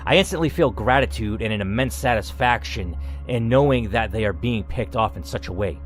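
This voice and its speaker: A man with a lowish voice reads an interactive story briskly, playing the part of a let's player with dramatic flair and offhand asides. He's a video game narrator, and music sits beneath his voice.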